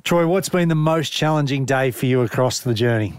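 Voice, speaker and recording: Australian man, radio co-host, medium pitch, casual banter, dry studio sound. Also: brisk, clear, resonant tone, dry recording.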